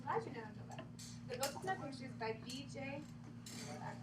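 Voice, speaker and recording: A woman's voice: high voice, lively intonation, brisk. A woman teacher reading a book aloud to her class, with dramatic, exaggerated protests between instructions. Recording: echoey classroom from far off, noisy.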